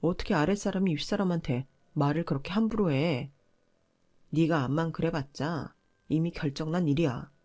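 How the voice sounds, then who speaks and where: A woman's voice: sits low, moderate pace, dark tone. A woman doing a sneering young husband. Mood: contemptuous. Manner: contemptuous, lecturing. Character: arrogant, condescending young husband.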